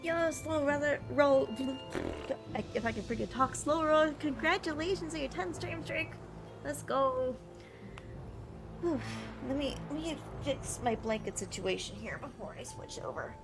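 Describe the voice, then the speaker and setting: Breathless chatty streamer woman, higher voice. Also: measured pace, over music. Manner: chatty, rambling, laughs often. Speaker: vtuber streamer. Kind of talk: casual stream chat.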